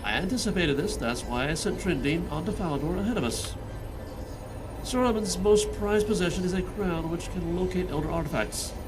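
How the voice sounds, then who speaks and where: A man's voice: high-pitched, lively intonation, a little fast, music in the background, rough recording. Man playing a solemn, formal fantasy mentor. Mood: grave. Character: solemn, commanding male mentor in a fantasy game.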